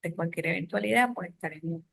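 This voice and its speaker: Lowish-voiced woman lecturing on law. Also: gravelly, husky. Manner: measured, with frequent restarts and rhetorical "¿sí?". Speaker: law professor. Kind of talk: recorded online lecture.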